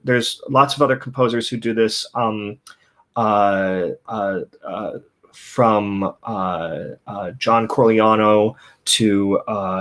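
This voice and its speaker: A man composer in an interview, talking thoughtfully with frequent fillers, restarts and pauses. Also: lowish voice, a bit bright. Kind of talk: interview conversation.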